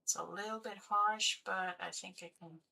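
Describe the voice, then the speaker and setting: A woman's voice: medium pitch, steady tone, moderate pace, creaky, pushed and bright. A young woman live-streaming a city-building game, chatting to her viewers as she builds, with a voice that keeps cracking. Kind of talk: casual live-stream chat while playing.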